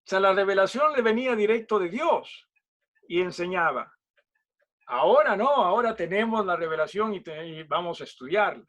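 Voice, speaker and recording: A Peruvian pastor teaches a Bible study in a loose, conversational way, checking in with his listeners after almost every phrase. He is a man with a fairly high speaking voice. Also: animated, normal speed, fairly bright tone. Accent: Peruvian Spanish. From Peru. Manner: chatty, asks "¿no?" and "¿sí?" after nearly every phrase, jokes.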